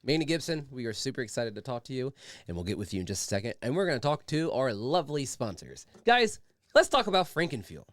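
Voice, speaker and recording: A man hosting a podcast with casual, sweary, rambling chat and sponsor reads, in an excitable manner. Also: mid-range voice, fast talker, no echo. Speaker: podcast host.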